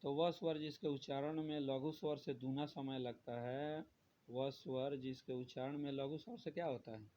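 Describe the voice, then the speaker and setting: A man's voice: mid-range voice, steady tone, moderate pace, dark tone. A male teacher giving a grammar lesson, repeating each point and asking the class questions that he answers himself. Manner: repetitive, asks questions then answers them. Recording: dull lo-fi sound with faint noise.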